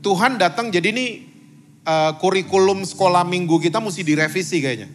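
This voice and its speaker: A male pastor speaking in a somewhat high voice, preaching in a chatty way as a talk-show guest. He fires questions at the audience and drops English words into his talk. Soft music sits faintly behind him in a church meeting room. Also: a little fast. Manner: animated, quizzes the audience, mixes in English words.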